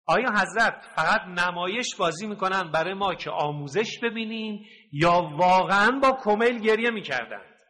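Man preaching in a long-echoing hall. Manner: swings between loud emphatic peaks and low hushed storytelling; slows and stretches quoted verses. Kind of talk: sermon.

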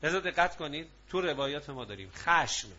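A male preacher with a fairly high, bright voice gives a religious talk to a live audience, lively and prompting them to answer in call-and-response. The sound is dull and lo-fi.

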